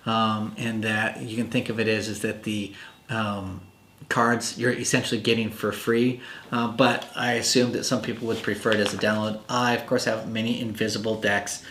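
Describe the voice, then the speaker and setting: Casual male reviewer, lowish voice, chatty and rambling, echoey room. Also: a bit bright. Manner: chatty, rambling with many fillers. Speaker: magic product reviewer. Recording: roomy echo.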